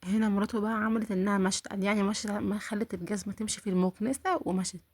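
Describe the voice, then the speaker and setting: A woman with an Egyptian Arabic accent rattles off casual reaction commentary at a very fast clip. Her voice sits in a middle register. She mocks the clip she is watching and turns to her viewers with sarcastic asides. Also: medium pitch, fairly even intonation, background noise. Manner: mocking, exasperated, talks straight to viewers. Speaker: reaction video host.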